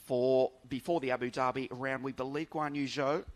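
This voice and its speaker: A man's voice: medium pitch, steady tone, normal speed. A man doing live motorsport commentary as lead commentator, enthusiastic and chatty, laughing easily.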